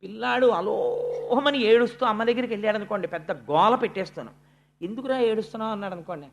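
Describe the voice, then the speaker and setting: A man's voice: high-pitched, creaky. An older man giving a devotional sermon, telling the story expressively, acting out quoted lines and dragging out words for emphasis. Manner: acts out quoted lines, swings between soft and loud; drawn-out stresses and slow emphatic phrases. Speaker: religious discourse speaker.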